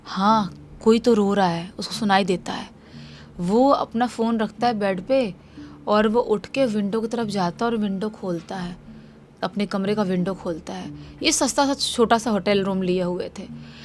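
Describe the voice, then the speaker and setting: A woman's voice: medium pitch, measured pace, slight background noise. A woman narrating a horror story in a loose, conversational way, often repeating herself. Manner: loose, repetitive spoken retelling.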